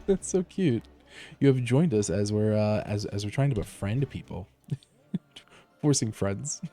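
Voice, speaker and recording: Mellow man on a livestream headset mic. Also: fairly low pitch, measured pace, pauses often, soft background music. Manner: relaxed, rambling, many fillers and restarts. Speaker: streamer. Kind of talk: casual live gameplay commentary.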